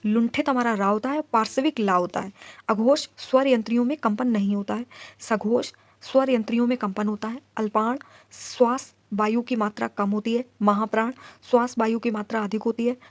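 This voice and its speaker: Woman, teacher, exam-prep grammar lesson, somewhat high voice, recites letter sounds in slow lists. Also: steady tone, no room sound. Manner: asks the class questions and answers them herself.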